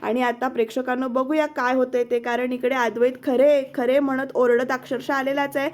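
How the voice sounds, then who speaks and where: High-voiced woman recapping a serial. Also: level tone, normal speed. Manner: addresses viewers directly, quotes characters' lines in narration. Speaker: serial review host. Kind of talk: retelling a TV serial episode.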